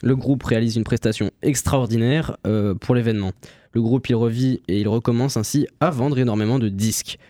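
A young man presenting a music history segment on the radio, halting and full of fillers. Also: medium pitch, mellow, no echo, clean studio sound. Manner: halting, many fillers and restarts. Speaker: radio columnist. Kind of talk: reading a history segment on air.

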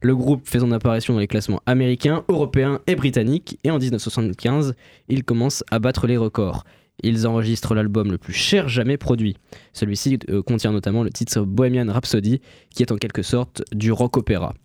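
A man's voice: medium pitch, darkish tone, no room sound, clean studio sound. Hesitant young male radio columnist. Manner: halting, many fillers and restarts. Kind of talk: reading a history segment on air.

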